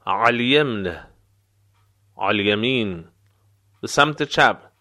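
Man, language teacher, bright clear tone, slow deliberate drilling of phrases. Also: medium pitch. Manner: drills phrases slowly, explains pronunciation. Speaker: Arabic dialect teacher. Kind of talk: language lesson with slow repetition.

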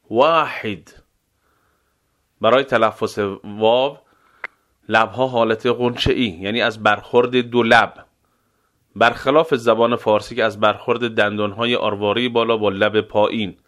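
A man teaching pronunciation as a language lesson, saying single words slowly and repeating them, with quicker explanations in between. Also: medium pitch, fairly bright tone. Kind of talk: slow pronunciation drill.

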